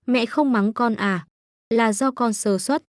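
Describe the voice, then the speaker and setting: A woman's voice: on the high side, slow, no echo, studio quality. A woman reading the part of a young factory worker who pleads with her mother in a choked voice. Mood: tearful. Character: young woman, a homesick worker, tearful daughter.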